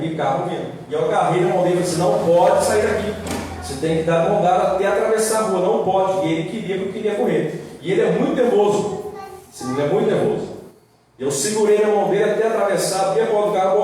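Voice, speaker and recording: Brazilian pastor guy preaching, lively, gets loud then soft, heard from far off the mic. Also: high-pitched, slight background noise. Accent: Brazilian Portuguese. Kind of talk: sermon. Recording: roomy echo, distant mic.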